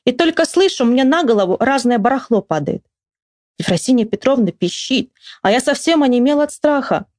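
A woman reading a children's story aloud to a child with lively, expressive storytelling, then asking the child about it. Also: fairly high pitch, normal speed, dry recording, studio quality. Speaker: reader and teacher.

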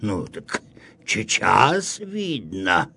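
Мужчина изображает старого простоватого мужика. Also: male voice, huge pitch swings, vocal fry, bright, forceful tone, husky, exaggerated voice. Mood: musing. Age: older. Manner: slow, low, musing drawl. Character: old foolish peasant man, slow and ponderous.

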